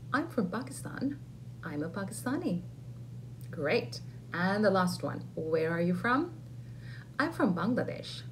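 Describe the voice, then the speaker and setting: A woman teaching an English lesson, saying model phrases slowly and clearly for learners to repeat. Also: lowish voice, a little hiss or hum, low-quality recording. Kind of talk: ESL lesson with repeat-after-me drills.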